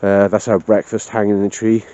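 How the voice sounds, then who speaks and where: Talking a little fast in a lowish, mellow, level voice, a man with a South Wales Valleys accent jokes around casually for his handheld camera while vlogging at a woodland campsite. The sound is echo-free, with the high frequencies cut off.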